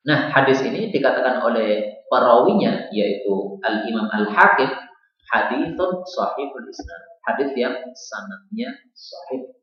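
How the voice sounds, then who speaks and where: Male preacher in a booming echoey hall. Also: highs cut off. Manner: storytelling, explains Arabic phrases line by line. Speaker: Quran teacher. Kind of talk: religious lesson. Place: mosque hall.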